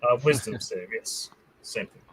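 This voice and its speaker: A man running a tabletop game as game master, talking in a halting way with many fillers and restarts. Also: medium pitch, big pitch swings, a crowd in the background.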